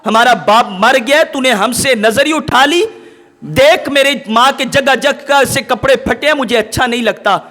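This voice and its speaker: A man's voice: very high voice, bright, forceful tone. A man preacher voicing a young orphan boy who speaks earnestly and pleads. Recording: long hall reverb.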